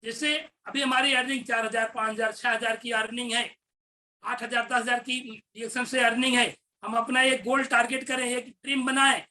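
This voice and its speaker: A man's voice: extremely high pitch, flat delivery, moderate pace, pushed and bright. A man who is a teacher gives a motivational business talk in an eastern Uttar Pradesh Hindi accent, explaining earnestly and repeating phrases for emphasis. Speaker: teacher and network marketer.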